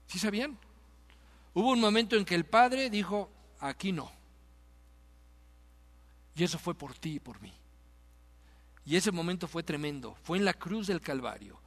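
High-voiced preacher in a reverberant hall. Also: male voice, lively intonation, a little slow, long pauses, fairly bright tone. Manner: emphatic, repeats rhetorical questions to the congregation. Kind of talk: sermon. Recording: long reverb of a large hall.

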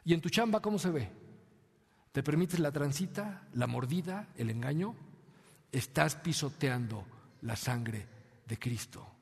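Mexican pastor preaching in a reverberant hall. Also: male voice, animated, a little slow, gravelly, slightly rough. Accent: Mexican Spanish. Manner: preaching with rhetorical questions and sudden drops to a soft, low voice. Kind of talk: sermon.

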